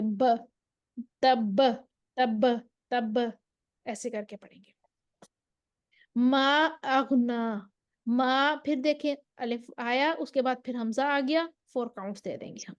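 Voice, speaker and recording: A woman with a high voice gives a recitation lesson. She explains each rule patiently and stretches the example syllables out slowly, often pausing to ask whether the listener is following. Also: highs cut off. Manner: checks with the listener, asking "ok?". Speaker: Quran recitation teacher. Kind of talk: tajweed lesson.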